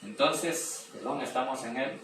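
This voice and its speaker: A man preaching at a Bible study, reading scripture slowly and loudly, then explaining it with questions to the group. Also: mid-range voice. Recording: echoey room, mic far off, noisy.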